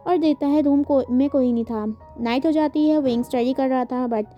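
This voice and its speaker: A woman's voice: high-pitched, normal speed. A woman reading a fan fiction story aloud, speaking every character's lines in her own voice and mixing in English words. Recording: dull lo-fi with faint music.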